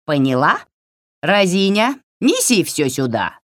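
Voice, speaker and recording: A woman voicing a small, empty-eyed servant creature in a storybook reading, shouting and parroting its lines. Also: lowish voice, very animated, slow pace, dry recording, studio quality, voice pushed up.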